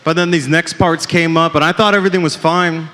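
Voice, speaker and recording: Recorded live in a club with long reverb, a man performs stand-up, delivering self-deprecating, punchline-driven jokes and often calling the crowd "folks." His voice is fairly high, bright, and forceful, with brisk, fairly even intonation.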